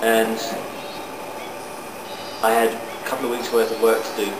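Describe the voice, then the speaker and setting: A man from New Zealand, a music producer, answering interview questions in a relaxed, rambling way with many fillers. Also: lowish voice, measured pace, very noisy. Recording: roomy, distant mic with loud music.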